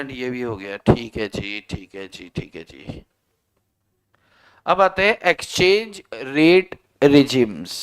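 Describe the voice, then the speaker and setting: A man's voice: fairly high pitch, smooth. A male economics teacher giving a conversational classroom lecture, putting questions to his students and answering them himself.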